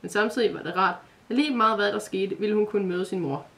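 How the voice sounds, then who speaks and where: A woman narrating a children's advent story in a calm, even reading voice. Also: mid-range voice, far from the mic.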